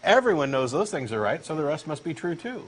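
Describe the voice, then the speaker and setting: There's a little hiss or hum as a Texan-accented co-host reads a comic dialogue, his voice on the high side, very animated and fairly quick. He plays an eager true believer, insistent, earnest and pushy.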